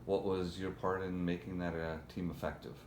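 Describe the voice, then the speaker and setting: A man's voice: sits low, flat delivery, moderate pace, darkish tone. A man acting as interviewer, putting formal prepared questions to a candidate. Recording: echoey room, faint background noise.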